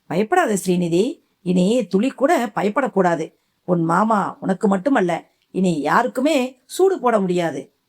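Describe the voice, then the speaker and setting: A woman voicing a young woman possessed by a vengeful mother's spirit, speaking low and grimly in an audiobook. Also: big pitch swings, slow, darkish tone.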